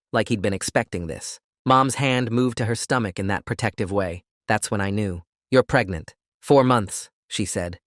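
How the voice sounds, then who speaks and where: A man reading a first-person story as scripted narration, in a steady storytelling delivery. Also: lowish voice, no room sound, studio quality.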